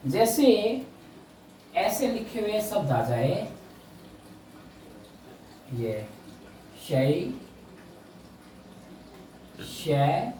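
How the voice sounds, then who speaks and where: A man teaching a Hindi lesson, speaking slowly, stressing key words and repeating his questions to the class. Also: a little high, big pitch swings, dark tone, slight background noise. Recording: echoey room, mic far away.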